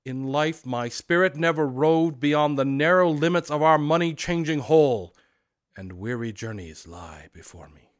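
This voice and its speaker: Man booming as a grieving ghost. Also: animated. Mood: mournful. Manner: loud, slow, declamatory. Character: tormented male ghost, old, solemn and grieving. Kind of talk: storybook reading.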